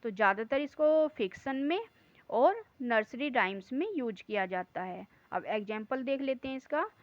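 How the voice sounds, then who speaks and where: Female tutor, measured delivery, reads examples word by word, dry and slightly lo-fi. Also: a little high, lively intonation, dry recording. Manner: reads English lines slowly word by word, then explains fast. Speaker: English teacher. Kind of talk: online lesson in Hindi mixed with English.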